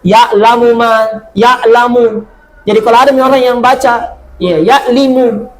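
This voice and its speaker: A man teaching an Arabic grammar lesson, drilling verb patterns and answering his own questions, drawing out each Arabic word slowly. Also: very high-pitched, fairly even intonation, poor audio. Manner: slow, drawn-out reading of Arabic words. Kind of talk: classroom lesson.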